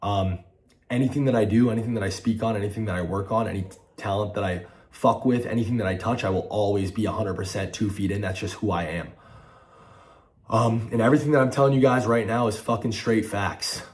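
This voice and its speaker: Man, lowish voice, emotional, aggrieved, blunt, sweary personal monologue to an online audience. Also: brisk. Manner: heavy casual swearing. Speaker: online content figure giving a personal statement. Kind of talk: impassioned personal monologue to viewers.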